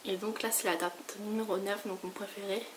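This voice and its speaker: A woman from France with a sick, hoarse voice, chatting casually through a makeup haul and rambling with lots of fillers and restarts. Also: mid-range voice, steady tone, fairly quick. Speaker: beauty vlogger. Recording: noisy home recording.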